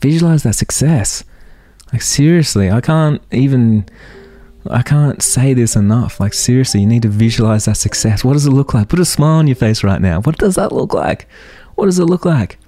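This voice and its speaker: A man in his thirties hosts a solo motivational podcast with a mid-range, mellow voice and lively intonation at a normal speed. He speaks earnestly and fires off rhetorical questions over soft background music.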